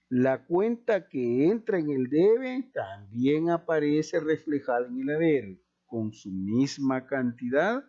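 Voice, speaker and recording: A man's voice: a little high, dark tone, lo-fi sound. A man teaching an accounting class, explaining step by step, repeating key points and asking himself questions. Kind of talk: slow, deliberate classroom explanation.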